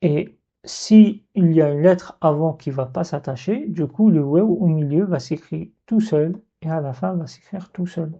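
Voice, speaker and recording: Slow, patient man teaching letters. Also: fairly high pitch, mellow. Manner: patient, repeats and breaks sounds into syllables. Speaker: Arabic teacher. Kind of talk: video lesson. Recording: dull lo-fi recording.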